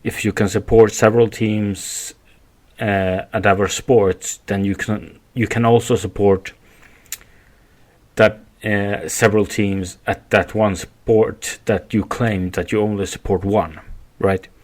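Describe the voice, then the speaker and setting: Hosting a solo podcast in accented English, a man from Sweden talks in a lowish voice with fairly even intonation. He goes very slowly, feeling his way through an argument with repetition and rephrasing in a rambling monologue.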